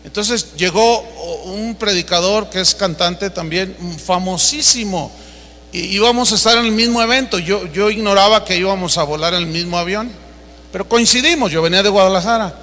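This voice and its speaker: High bright-voiced preacher in a hall. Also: male voice, moderate pace. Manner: emphatic preaching with acted-out anecdotes. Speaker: pastor. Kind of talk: sermon. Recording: reverberant hall.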